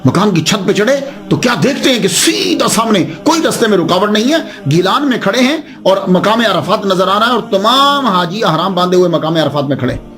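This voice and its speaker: A man's voice: high voice, sing-song, fairly bright tone. A male preacher telling a religious story in an emphatic, dramatic storytelling manner. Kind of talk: storytelling sermon.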